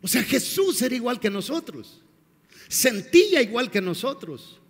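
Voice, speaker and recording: A man's voice: very high-pitched, sing-song, measured pace, fairly bright tone, long reverb tail. A male pastor preaching a dramatic sermon, firing rhetorical questions at the congregation.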